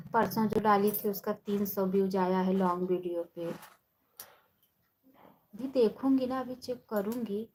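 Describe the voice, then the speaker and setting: A woman hosting a casual live stream, chatting with viewers by name and speaking softly and slowly on a phone. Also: medium pitch, a little hiss or hum, poor audio. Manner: talks softly and slowly, holding her voice down.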